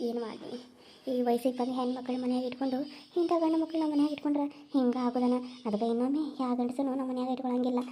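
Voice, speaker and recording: A woman voicing a worried, regretful middle-aged aunt in a cartoon serial, grumbling low. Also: dark tone, slight background noise, lightly acted.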